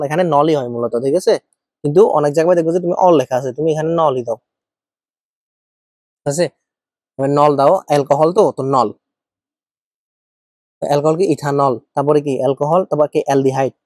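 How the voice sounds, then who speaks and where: A man with a slightly high voice teaches chemistry in a loose, conversational way. He asks himself questions, pauses to recall what comes next, and keeps checking that his students are following. The recording is dry and close to the mic. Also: steady tone, a little mellow, no echo. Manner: asks and answers his own questions, thinks aloud while writing; addresses students familiarly, often checks in. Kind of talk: informal classroom lecture.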